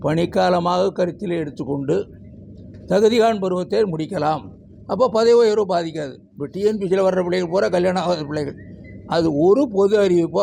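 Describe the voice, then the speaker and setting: A man's voice: fairly high pitch, gravelly, dark tone, a little hiss or hum. A man speaking as a teachers' union leader at a press conference, emphatic as he lists figures and demands.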